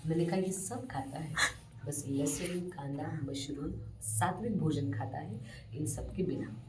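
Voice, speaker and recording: A woman telling a personal devotional story, acting out the people she quotes with rising, louder voices. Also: unhurried, background noise. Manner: acts out quoted voices with rising pitch and loudness. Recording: echoey room, mic at a distance.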